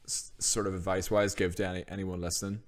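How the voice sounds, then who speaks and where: A man's voice: low-pitched, fast, loud music behind the voice. A man hosting a podcast, asking loose, rambling questions full of "um" and "you know". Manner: relaxed, asks rambling questions with fillers. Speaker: podcast host. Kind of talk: casual podcast interview.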